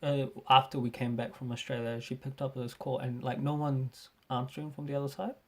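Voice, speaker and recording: A man's voice: medium pitch, little pitch movement, brisk. A man hosting a casual podcast chat, talkative and full of ums and restarts. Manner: chatty, hesitant with ums and restarts. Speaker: podcast host.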